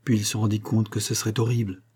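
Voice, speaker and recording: A man narrating a novel in a measured, dramatic reading. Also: fairly low pitch, flat delivery, a little mellow, breathy edge. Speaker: audiobook narrator. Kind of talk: scripted narration.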